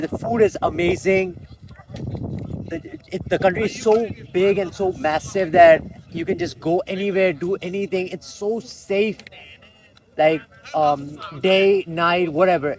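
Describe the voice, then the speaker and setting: A man's voice: sits high, poor audio. A young man from Pakistan talking keenly in a documentary interview, with fillers and restarts. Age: young adult.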